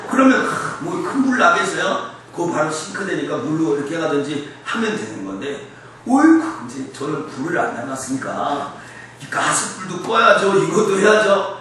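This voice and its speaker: A man's voice: fairly high pitch, moderate pace, distant mic. A male pastor preaching a sermon with humor, telling personal stories and leading the congregation to repeat after him. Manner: lively, humorous storytelling with call-and-response to the congregation. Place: church sanctuary. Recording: echoey church hall, mic from afar, faint noise.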